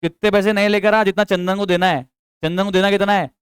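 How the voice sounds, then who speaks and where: Man, accountancy lecture, high voice, smooth and dry close sound, keeps quizzing students. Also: steady tone, fast talker, no room sound. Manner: chatty, coaxing, quizzes students with repeated questions; mixes English terms into speech. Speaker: accountancy teacher. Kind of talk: classroom lecture.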